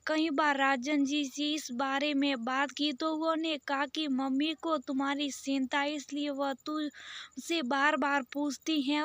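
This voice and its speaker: Slow, high-voiced woman storyteller. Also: fairly bright tone, no echo. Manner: first-person narration, voicing family members in quotes. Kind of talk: scripted story narration.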